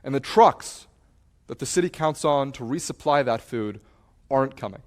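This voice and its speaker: A man's voice: medium pitch, lively intonation, normal speed. A man giving a talk, telling stories dramatically and building intensity around a repeated refrain. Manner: acts out shouts and quotes.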